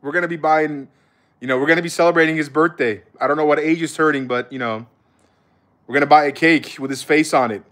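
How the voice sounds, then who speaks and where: Speaking quickly in a fairly high, fairly bright voice with a steady tone, an American man answers viewer questions during a casual livestream. As a streamer and content creator, he keeps things blunt, slangy and conversational.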